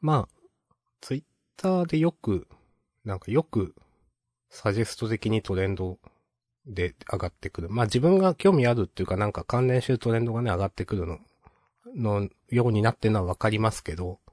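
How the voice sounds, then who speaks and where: Male podcast co-host, low voice, dry close sound, meandering storyteller with lots of fillers. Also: expressive, fairly quick, a little mellow, no room sound. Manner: rambling, many fillers, chuckles while telling stories. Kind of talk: casual chat.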